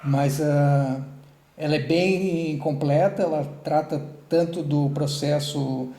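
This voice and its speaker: A man leads an online meeting in a loose, halting way, full of restarts and little tag questions. His voice sits a bit high yet sounds mellow. He is heard through an echoey call line. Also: steady tone. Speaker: meeting coordinator.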